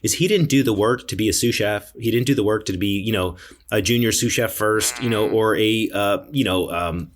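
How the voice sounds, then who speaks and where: Man, middle-aged, lowish voice, rapid casual podcast chat, slangy storyteller. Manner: animated storytelling, slangy, repeats himself. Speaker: podcast co-host, chef.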